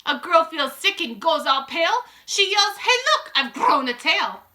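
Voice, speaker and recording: A wicked old storybook witch acted out by a woman shouts in a high, piercingly sharp voice. She is imperious and gloating, turning broken-grammar commands into a triumphant sing-song chant. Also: lively intonation, a little slow, heavily acted. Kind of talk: dramatic storybook read-aloud.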